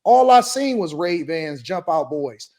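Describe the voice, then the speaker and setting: A man's voice: on the high side, very animated, a little slow, darkish tone. A man in his forties from Detroit, hosting a heated panel debate and repeating himself insistently to hold the floor. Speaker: podcast host.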